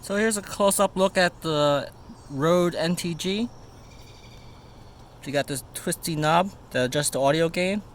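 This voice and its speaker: A man giving a casual product review in a halting, informal way, stumbling over words now and then. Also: fairly high pitch. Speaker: gear reviewer. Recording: noisy raw camera-mic audio with ambience.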